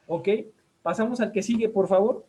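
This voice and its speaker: A man with a Mexican accent gives a talk from slides in a mellow, fairly high voice. He speaks conversationally, with many fillers, and keeps checking in with his listeners. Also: normal speed, poor audio. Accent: Mexican Spanish.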